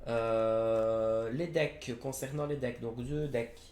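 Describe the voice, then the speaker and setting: A young man talks through new trading cards in a relaxed, halting way, pausing on fillers and correcting himself as he goes. His voice sits at an ordinary pitch for a man. The room around him rings with echo over a faint background hiss. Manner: hesitant, many fillers and self-corrections. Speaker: card game reviewer. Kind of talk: casual product review.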